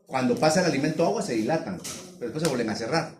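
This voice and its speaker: A man teaching a veterinary anatomy class, pausing often to check that students follow. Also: medium pitch, expressive, darkish tone. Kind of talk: classroom lecture. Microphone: distant room mic. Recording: echoey room from far off, some noise.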